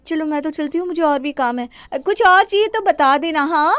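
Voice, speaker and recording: A woman voicing a sharp-tongued young daughter-in-law who talks back sarcastically, in an animated story. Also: sits high, fairly quick, dry recording, pitched above the performer's own voice. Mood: mocking.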